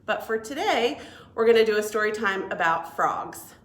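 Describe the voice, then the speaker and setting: Reading aloud to small children at storytime, this librarian has a fairly high voice and a moderate pace, and the sound is reverberant. She stays animated and encouraging with simple wording.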